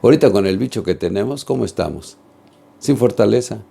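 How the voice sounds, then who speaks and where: A man's voice: lowish voice, animated, fairly quick, vocal fry, dark tone, husky. A man giving an earnest religious teaching talk, speaking straight to viewers and asking them questions. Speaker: catechist.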